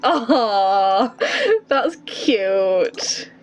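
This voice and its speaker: A gaming streamer talks through her gameplay in a casual, chatty way, thinking aloud and reacting expressively. Her mid-range voice moves extremely slowly, and the slightly dull recording has faint game music behind it.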